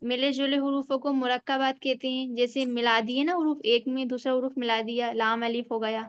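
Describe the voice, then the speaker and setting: Woman teacher, slightly high voice, dry and dull online-call sound, patient and repetitive. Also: fairly even intonation, clear, resonant tone, no echo. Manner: patient, repeats each rule and checks understanding. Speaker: Quran reading teacher. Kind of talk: online class lesson.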